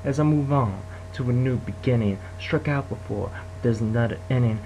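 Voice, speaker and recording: A man's voice: medium pitch, normal speed, warm tone, dull audio, slight background noise. A young man from the Detroit area rapping his own freestyle in a rhythmic, rhyming delivery. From Detroit area, United States. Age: young adult. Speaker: amateur rapper. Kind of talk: freestyle rap.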